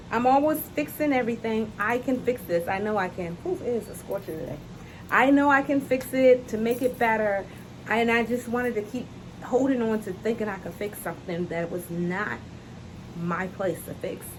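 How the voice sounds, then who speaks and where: Outdoors on a hot day, a self-love coach speaks to camera in a mid-range voice, giving an earnest, heartfelt and encouraging motivational talk. She repeats her key phrases, and the background is noisy.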